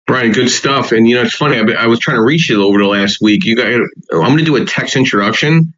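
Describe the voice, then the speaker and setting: A man's voice: mid-range voice, fast talker, fairly bright tone, dull audio. A man hosting a real estate podcast, reading short punchy points and then chatting loosely with restarts. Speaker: podcast host. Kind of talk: podcast talk, partly read notes.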